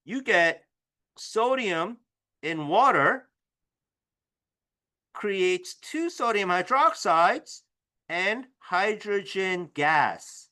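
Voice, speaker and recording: High, bright-voiced animated chemistry teacher. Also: male voice, very slow, long pauses. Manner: animated, exclamatory, constantly asking "right?". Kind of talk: lively classroom lecture. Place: classroom.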